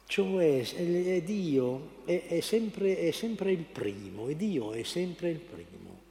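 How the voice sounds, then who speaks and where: A priest giving an unhurried homily, pausing and searching for words. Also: male voice, on the high side, animated, mellow, echoey room, big-room sound.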